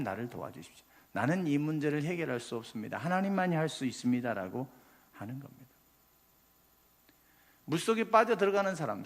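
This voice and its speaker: A male pastor delivers a Sunday sermon in a church sanctuary, his slightly husky voice carrying a long hall reverb. He preaches with passion, pressing key lines loudly and then dropping to near-quiet asides. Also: medium pitch. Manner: impassioned preaching, rising loud then dropping soft.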